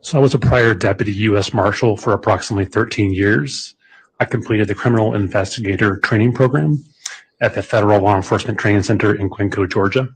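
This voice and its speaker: A man's voice: fairly low pitch, quick pace, slight background noise, rough recording. A man testifying as a witness, giving brief matter-of-fact answers, heard on a courtroom recording. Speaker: witness, federal special agent.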